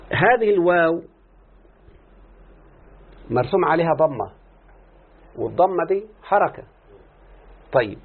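Slightly high and husky, a man with an Egyptian Arabic accent teaches a morphology-focused grammar lesson. He keeps asking his students questions to elicit answers while explaining, and the recording has a tinny, phone-like sound.

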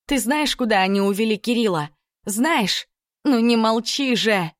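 Brief: desperate young heroine in an audiobook, read by a woman, tearful, raised pitch. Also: a little slow, no room sound, studio quality, natural voice. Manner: pleading, tearful.

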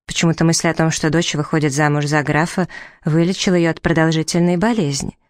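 A woman's voice: deep voice, fairly even intonation, brisk, no echo, studio quality, natural voice. A woman reading the part of a playful, mischievous young woman who teases her sister with ironic remarks. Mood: teasing.

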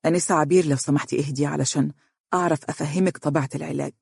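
Reader doing a gentle young male doctor with an Egyptian accent, measured and soothing, dry audiobook sound. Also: mid-range voice, fairly even intonation, gravelly, breathy edge, no room sound. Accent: Egyptian Arabic. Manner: soft, reassuring, measured.

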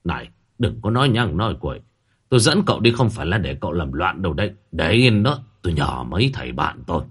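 A man's voice: deep voice, big pitch swings, fast talker, husky, voice pushed down, exaggerated voice. A man doing a grave old grave-digger. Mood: scolding. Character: older man, wary grave-digger elder.

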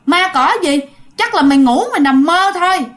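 A woman voicing a skeptical older father-in-law who loudly dismisses talk of ghosts. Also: very high-pitched, normal speed, voice pushed up. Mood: dismissive. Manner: loud, dismissive scolding.

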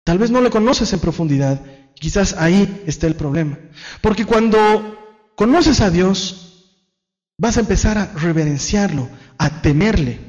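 Animated high-voiced male preacher. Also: measured pace. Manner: animated preaching, acts out imagined excuses in quoted voices. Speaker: pastor. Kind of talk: sermon. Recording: dull lo-fi sound.

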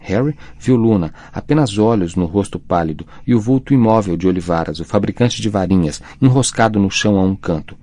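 A man narrating an audiobook in a measured, dramatic storytelling manner, voicing the characters' lines too. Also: on the low side, dark tone, no room sound.

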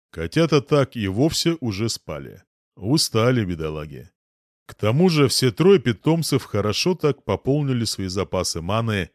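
Low-voiced man narrating a fantasy audiobook. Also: no echo, studio quality. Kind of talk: first-person fantasy novel narration.

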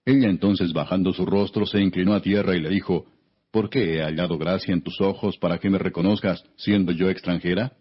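Deep-voiced man reading scripture, slightly husky. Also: steady tone, a little fast. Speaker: audiobook narrator, scripture reader. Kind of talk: scripted Bible narration. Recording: dull, muffled lo-fi recording.

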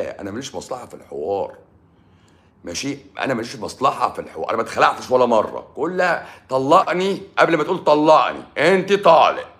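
An Egyptian man, a doctor, lecturing emphatically on a live stream and swinging between loud and hushed speech. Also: mid-range voice. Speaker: doctor giving advice.

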